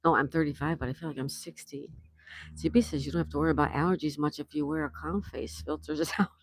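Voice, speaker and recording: This older South Florida woman keeps a steady, low-sitting voice and talks at a quick pace over a dry recording. She's hosting a relaxed livestream, reading out comments from viewers and laughing a lot between them.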